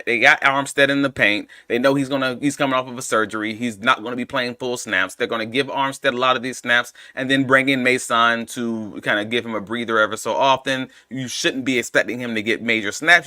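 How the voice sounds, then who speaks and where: A man's voice: mid-range voice, sharp tone, no room sound, clean studio sound. A young man co-hosting a casual sports podcast, ranting animatedly and arguing back and forth with himself. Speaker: podcast co-host.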